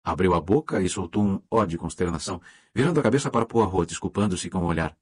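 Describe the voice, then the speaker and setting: A man narrating a mystery audiobook in a measured, even storytelling manner. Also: low-pitched, slightly rough, no room sound. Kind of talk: scripted narration.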